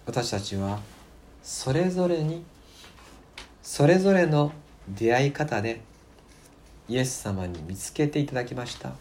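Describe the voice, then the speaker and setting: A male pastor giving a sermon at a church service and reading scripture aloud, stressing key phrases by repeating them and sometimes dropping to a soft near-whisper. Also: mid-range voice, lively intonation, measured pace, pauses often, slight background noise.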